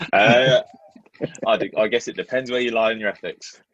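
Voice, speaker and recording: A man's voice: on the low side, normal speed, fairly bright tone, no room sound, muffled recording. A man, a personal trainer, giving short easygoing answers as a podcast guest, often starting with "uh". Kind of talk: casual interview answers.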